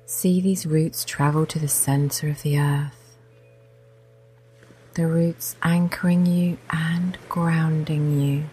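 Slow, whispery low-voiced woman guide. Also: steady tone, soft background music. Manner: soft, slow, often whispered. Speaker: meditation guide. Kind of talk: guided meditation.

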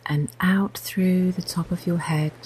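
Slow, whispery low-voiced woman guide. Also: steady tone, slight background noise, rough recording. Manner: soft, slow, often whispered. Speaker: meditation guide. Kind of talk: guided meditation.

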